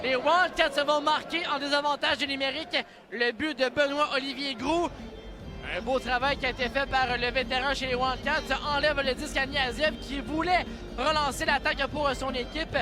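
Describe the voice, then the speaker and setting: A man with a Quebec French accent giving excited sports commentary as an ice hockey play-by-play announcer, urgent and ready to burst into shouts. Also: very high voice, moderate pace. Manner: urgent calls that burst into shouts on shots and goals. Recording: loud arena crowd and music behind. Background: cheering crowd and arena music.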